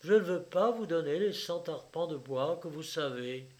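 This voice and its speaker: A man voicing a calm, cold young man who answers his father in a measured way. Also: fairly high pitch, lightly acted.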